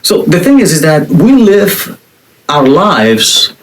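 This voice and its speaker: A man's voice: on the high side, very animated, takes it slowly, a little hiss or hum, poor audio. A middle-aged man hosting a podcast, giving a casual faith-based monologue with playful asides and jokes. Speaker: podcast host.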